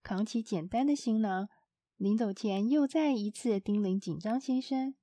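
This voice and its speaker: A woman narrating a children's storybook in a gentle, expressive storytelling manner. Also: on the high side, moderate pace, dry recording, clean studio sound.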